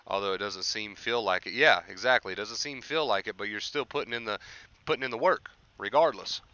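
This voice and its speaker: A young man coaching anxiety recovery on a livestream gives his chat a brisk, emphatic motivational rant full of repetition and frequent "right?" check-ins. His fairly low voice is pushed and bright, showing fatigue from heavy use. The sound is lo-fi with no room sound.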